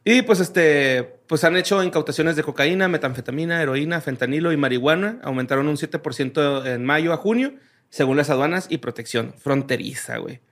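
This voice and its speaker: A man's voice: fairly high pitch, a little fast, a bit bright. Slangy Mexican man reading odd news. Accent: Mexican Spanish. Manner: slangy, laid-back, reads news notes aloud. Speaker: podcast host reading news. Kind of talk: casual podcast chat.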